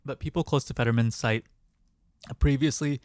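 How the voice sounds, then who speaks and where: A man's voice: medium pitch, steady tone, a little fast, a little mellow, no room sound, studio quality. A young man co-hosting a podcast, in casual chat, hesitant, with many restarts and fillers. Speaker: podcast co-host.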